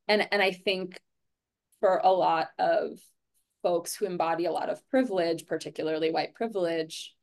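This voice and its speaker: A woman talking as a podcast guest in an earnest, reflective way, often adding "like" and "right?". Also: fairly low pitch. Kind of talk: conversational podcast chat.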